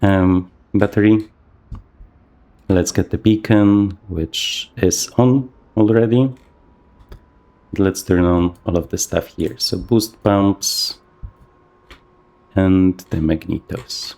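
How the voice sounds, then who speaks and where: A man casually talking through a flight simulator session, thinking aloud with plenty of fillers, his voice a little rough from the morning. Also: low voice, takes it slowly, pauses often, warm tone. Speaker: flight sim video host. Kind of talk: casual gameplay commentary.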